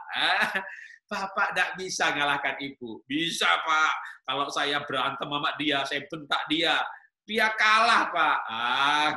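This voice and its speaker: A man's voice: medium pitch, sharp tone, reverberant. A man preaching a humorous sermon to married couples, teasing the listeners with questions and jokes. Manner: joking, teasing the audience with questions.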